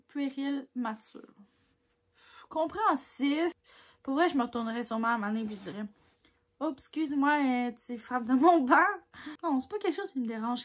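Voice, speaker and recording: A woman with a Québécois French accent chatting casually as she reads quiz questions aloud and answers them candidly. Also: on the high side. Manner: chatty and candid, reads each question louder then mulls over answers with little laughs.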